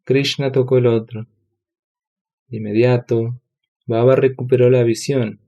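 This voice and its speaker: A man narrating a devotional audiobook in a measured, solemn reading. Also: mid-range voice, little pitch movement, warm tone. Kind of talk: scripted narration.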